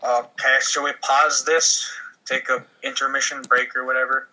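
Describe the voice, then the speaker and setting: A man co-hosting a comedy podcast, chatting in a relaxed, low-key way. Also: moderate pace, low-quality recording. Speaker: podcast co-host. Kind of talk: casual chat.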